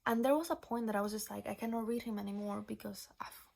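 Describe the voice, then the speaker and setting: A nineteen-year-old woman from Venezuela chatting casually as a book vlogger, rambling with restarts and slipping into breathy whispered asides. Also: mid-range voice, fairly even intonation, fast, darkish tone. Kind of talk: casual chat.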